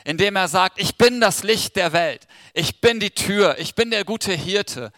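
Lively, bright-voiced German preacher. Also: male voice, on the high side, dry recording, studio quality. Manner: engaging, asks the congregation questions, jokes. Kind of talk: sermon. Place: church. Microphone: handheld microphone.

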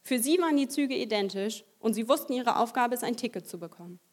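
A woman delivers a testimony sermon to a church audience. She tells her story vividly and acts out the voices she quotes. Her voice sits a little high. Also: expressive, quick pace, a little mellow. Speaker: lay preacher.

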